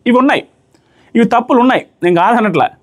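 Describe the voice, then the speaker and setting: A man with a high voice talks quickly. He breaks down a reality show in casual commentary, mixing in English phrases as he argues his points. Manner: rapid, analytical, mixes in English phrases.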